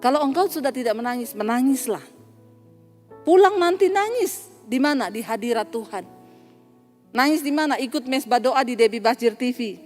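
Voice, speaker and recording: Woman pastor, high voice, lively storytelling sermon; long church reverb, faint music under. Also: moderate pace. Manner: animated, acts out dialogue, laughs at own jokes.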